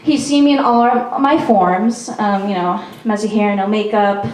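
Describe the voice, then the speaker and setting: This stand-up set comes from a young Peruvian woman who chats, mocks herself and says "um" a lot. Her mid-range voice is steady and a little mellow at a moderate pace, picked up from far away in an echoey small venue.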